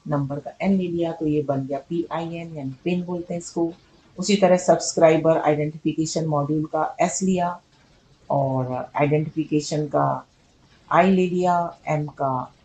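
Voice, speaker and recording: A woman's voice: low voice, mellow, slight background noise, low-quality recording. A woman teaching in a patient, explanatory way, repeating key words and checking in with her students. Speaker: English teacher. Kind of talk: explanatory video lesson.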